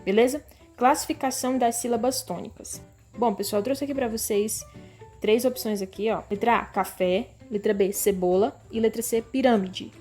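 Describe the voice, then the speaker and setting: A Brazilian woman teacher giving a recorded grade-school language lesson, calling the class "pessoal" and drawing words out slowly so pupils can hear the stressed syllable. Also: on the high side, darkish tone, faint music behind. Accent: Brazilian Portuguese. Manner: slow, stretched-out word readings for pupils.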